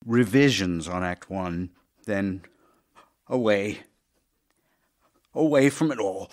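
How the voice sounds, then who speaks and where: With a fairly low, darkish voice, animated yet slow, a man acts the role of an affectionate, weary, witty playwright in middle age for an audio drama of love letters. His manner stays dry, teasing, melancholy and theatrical, while the mood is resolute.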